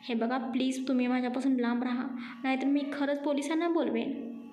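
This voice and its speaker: A woman's voice: sits high, fairly even intonation, brisk, dark tone, natural voice. A woman voicing a frightened, tearful young woman in a storybook reading. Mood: indignant. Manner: tearful, pleading. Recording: echoey room with faint music.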